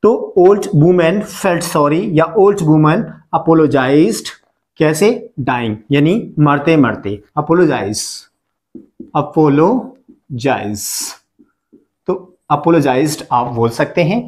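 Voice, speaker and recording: A man from India teaching English translation, saying each example slowly and repeating every phrase. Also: fairly high pitch, animated, darkish tone. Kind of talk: Hindi-language English lesson.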